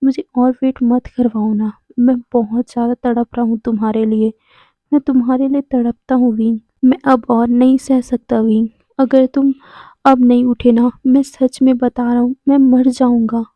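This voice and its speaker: A woman's voice: a little high, flat delivery, normal speed, no echo, lightly acted. A woman reading the lines of a desperate, lovesick young man, pleading and repeating his partner's name, in a dull, dry recording.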